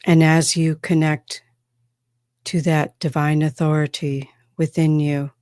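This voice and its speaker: A woman channeling a calm extraterrestrial spokesperson from Andromeda, speaking in a measured, solemn, formal way. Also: low voice, no echo, studio quality. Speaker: trance channeler. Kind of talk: trance channeling.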